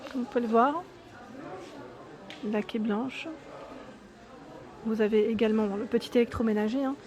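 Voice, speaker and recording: A woman's voice: fairly high pitch, darkish tone. Chatty woman touring a showroom. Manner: chatty and enthusiastic, with filler "hein" and self-corrections. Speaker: YouTube vlogger. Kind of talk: casual walkthrough vlog. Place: large furniture store showroom, indoors.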